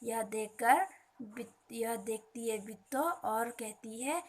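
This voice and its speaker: Slow, breathy woman teacher. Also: fairly high pitch. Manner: addresses children, checks in with "okay". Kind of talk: storytelling lesson for children.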